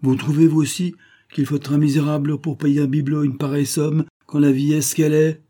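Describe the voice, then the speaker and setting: A man voicing a chatty male neighbor who excitedly reads out the news. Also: on the high side, brisk, voice pushed up, natural voice. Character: gossipy male shopkeeper neighbor.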